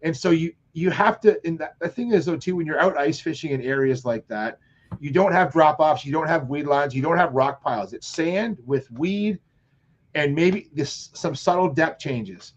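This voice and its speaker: A man on a live fishing show, telling long rambling stories with animated quoted asides. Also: fairly high pitch, normal speed, muffled recording. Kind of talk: casual chat on live show.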